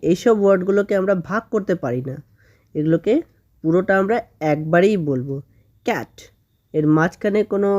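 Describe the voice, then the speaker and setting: A woman teaching a grammar lesson for children, slowly sounding out words syllable by syllable and often checking in with her students. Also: lowish voice, darkish tone. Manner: slow drawn-out spelling of words, syllable by syllable; frequent "okay?" check-ins with students.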